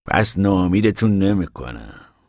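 Man playing a bitter ragged drifter, slow, sly, hushed, deep, dry close sound. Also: sing-song, vocal fry, no echo, heavily acted. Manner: slow, quiet, drawn-out, sly. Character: bitter ragged older male drifter, mocking.

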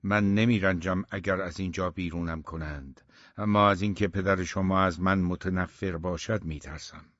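A man's voice: deep voice, fairly even intonation, a bit bright, no echo. A man voicing a timid, brooding grown man who speaks in a subdued, hesitant way, in a dull, dry recording.

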